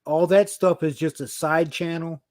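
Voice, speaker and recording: A man in his fifties chatting bluntly on a livestream, swearing freely and swinging from calm talk to heated outbursts. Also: fairly high pitch, moderate pace, no room sound, studio quality. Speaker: livestreamer sharing news of predator cases. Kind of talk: casual livestream chat. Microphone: video call.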